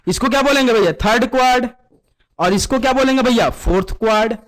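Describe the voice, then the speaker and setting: Here a man with a very high-pitched voice moves along briskly through a math class. He speaks Hindi laced with English terminology, repeats one question again and again before supplying the answer, and calls his pupils "beta" in a call-and-response style.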